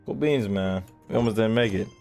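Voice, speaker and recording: With faint music playing behind him, a gaming streamer chats with his livestream viewers in a brisk, lowish, slightly mellow voice. His talk is loose, full of slang and swearing, and he acts fake-exasperated.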